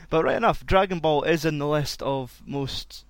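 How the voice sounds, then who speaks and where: A man's voice: a little high, unhurried, dry recording. A man hosting a casual chat, loose and rambling. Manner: loose and rambling, laughs a lot. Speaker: podcast host.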